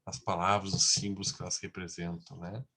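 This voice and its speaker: A man's voice: deep voice, little pitch movement, brisk, bright, forceful tone, breathy edge. Guy from brazil teaching a class, chatty, keeps asking "right?" after stuff. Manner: conversational, frequent tag questions. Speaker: lecturer. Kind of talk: online class lecture.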